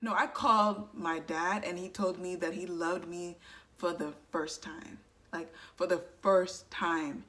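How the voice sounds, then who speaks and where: A woman's voice: fairly low pitch, fairly even intonation, unhurried, sharp tone. A woman in her twenties giving earnest, chatty advice to camera and filling her talk with "you know" asides. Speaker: vlogger.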